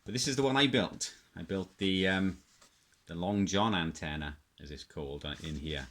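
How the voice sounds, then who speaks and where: Deep-voiced and fairly bright, this Welsh radio hobbyist talks at normal speed in a South Welsh accent. The middle-aged presenter shows off his hobby off the cuff, pausing hesitantly and wandering into memories.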